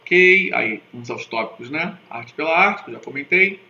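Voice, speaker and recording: A man's voice: on the high side, expressive, normal speed, sharp tone. A male teacher giving a recorded literature lesson, explaining step by step and often checking in with his viewers. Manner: didactic, keeps checking in with "tá?" and "né?"; spells out sounds and has viewers repeat them. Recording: echoey, dull lo-fi room recording with faint noise.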